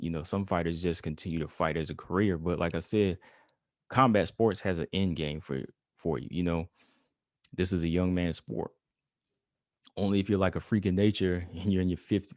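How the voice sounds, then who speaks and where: Low-voiced man, casual podcast talk. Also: darkish tone, no echo, studio quality. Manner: conversational, many fillers like "you know" and "like"; reads quotes aloud then comments. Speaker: podcast host. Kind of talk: casual solo podcast commentary.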